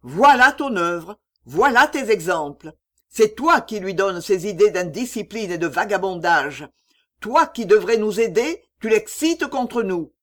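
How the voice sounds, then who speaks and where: A reader voicing a gruff, threatening old uncle who scolds harshly in a read-aloud story. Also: medium pitch, lively intonation, slow, few pauses, warm tone. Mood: scolding.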